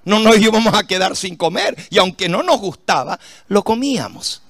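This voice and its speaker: A man's voice: high voice, moderate pace, dry recording. A middle-aged man preaching a sermon, asking the congregation questions and telling stories about his own life. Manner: animated, storytelling with rhetorical questions to the congregation. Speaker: pastor.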